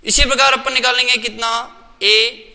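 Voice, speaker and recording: A man's voice: extremely high pitch, fairly even intonation, moderate pace, vocal fry, pushed and bright, in a large hall. A man teaching a maths lesson step by step, asking questions and answering them himself.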